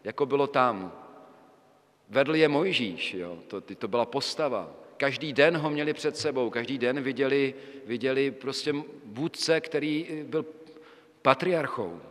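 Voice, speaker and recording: A man preaches a sermon at a mid pitch, talking in a loose, conversational way with many fillers and little tag questions. His voice hangs in the long reverb of a church. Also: fairly bright tone. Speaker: priest.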